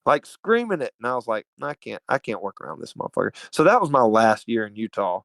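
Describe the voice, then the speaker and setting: A man from Alabama with a Southern US accent, telling stories as a podcast guest in an animated, slangy, profane way. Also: on the low side, fast talker, gravelly, no echo. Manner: animated, slangy and profane, calls everyone dude. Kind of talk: casual storytelling chat.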